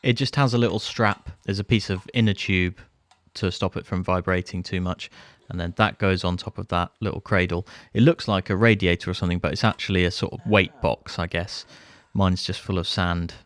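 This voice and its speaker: A man's voice: low voice, steady tone, fairly quick. A British man in his thirties narrating a restoration video in an understated, conversational way with casual asides. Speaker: host of restoration video series. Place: barn workshop. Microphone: clip-on lapel mic.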